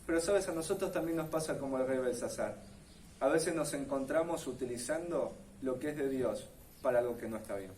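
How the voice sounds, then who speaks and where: A man's voice: mid-range voice, fairly quick, darkish tone, roomy sound, recorded from a distance, a little hiss or hum. A man with a Rioplatense Spanish accent preaching a sermon as pastor, earnestly putting questions straight to his listeners. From Argentina.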